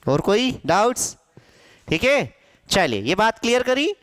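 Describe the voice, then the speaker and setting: A man teaching grammar to a class with a high, animated voice, drawing out each syllable at a slow, deliberate pace. He keeps asking questions and answering them himself. His voice is smooth and clear, recorded dry and close. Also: no room sound. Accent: Hindi, from central India. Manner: asks questions and answers them himself, repeating sounds slowly. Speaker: Hindi teacher.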